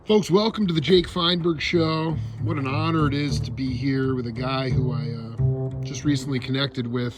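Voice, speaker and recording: A man's voice: mid-range voice, fairly even intonation, moderate pace, music in the background. A man hosting an interview at a guest's house, asking eager, rambling questions full of restarts. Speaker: show host. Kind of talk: casual interview.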